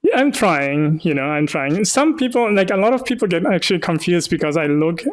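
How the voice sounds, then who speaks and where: Live-streaming while he animates, an artist from Hamburg with a light North German accent chats casually and explains his work. His voice sits high, animated and brisk. He's easygoing, laughs often and explains things patiently.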